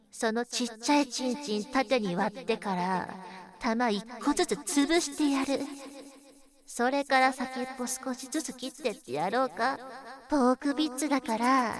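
A scornful, domineering woman, played by a young woman in an adult audio role-play, with a somewhat high voice. She talks rough and coarse, mocking and belittling without letting up. A murmuring crowd is heard behind her. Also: natural voice.

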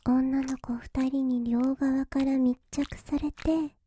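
Woman doing a giggly masseuse girl, high breathy whisper, real slow and coaxing. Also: level tone, dark tone, a little hiss or hum. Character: teasing young female masseuse tending a hero. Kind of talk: whispered ASMR roleplay.

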